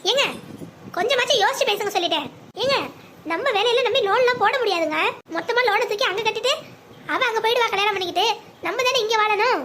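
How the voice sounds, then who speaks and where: A resentful young cartoon wife scolds with a sharp tongue, as a woman acts her out. Her voice is very high and quick. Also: a little hiss or hum. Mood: scolding.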